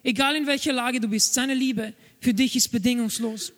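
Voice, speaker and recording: A man's voice: very high-pitched, steady tone, normal speed, fairly bright tone. A man preaching a sermon to a congregation, emphatic and repeating his key phrases. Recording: long hall reverb, faint music.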